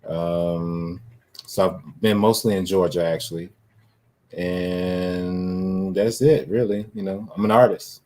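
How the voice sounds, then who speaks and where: A man's voice: sits low, fairly even intonation, takes it slowly, dark tone. A man artist from the American South talking in a laid-back, conversational way on a video call. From southern United States. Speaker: artist guest. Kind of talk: casual interview talk.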